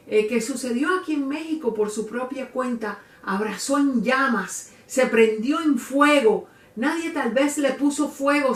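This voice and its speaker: A woman's voice: high-pitched, far from the mic. Woman teacher, echoey and off-mic. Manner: explains slowly, many "eh" fillers and checking "¿eh?". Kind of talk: explanatory literature lesson. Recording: roomy echo, voice away from mic.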